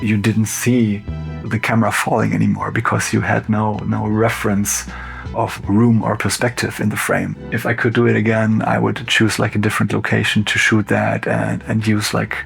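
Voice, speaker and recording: Gravelly, flat-voiced German-accented man. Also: fairly low pitch, normal speed, soft background music. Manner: relaxed, loose, sprinkled with "like" and "you know". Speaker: cinematographer. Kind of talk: casual behind-the-scenes commentary.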